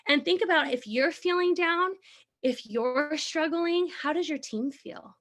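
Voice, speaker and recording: A woman in her thirties gives a motivational talk to her team. Her voice sits a little high, and she speaks in an earnest, encouraging way. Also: measured pace, a bit bright. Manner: earnest, encouraging, sometimes laughing. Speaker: team leader.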